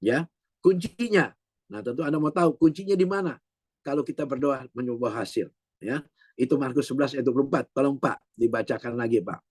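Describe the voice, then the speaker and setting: A man's voice: medium pitch, brisk, a little mellow, breathy edge, no echo. A man in his sixties preaching a sermon as a pastor, telling his own prayer testimony earnestly and often calling the listeners "my brothers and sisters". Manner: earnest, repeats "saudaraku", acts out quoted voices.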